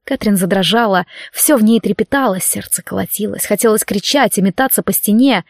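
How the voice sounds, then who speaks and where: A woman narrating a romance audiobook in an even, steady reading voice. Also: medium pitch, brisk, no echo, studio quality.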